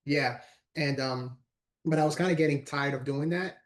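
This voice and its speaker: In a casual interview, a guest in his forties who is an author and motivational speaker shares his story earnestly, with a habit of repeating words. He speaks at normal speed, his voice on the high side with fairly even intonation.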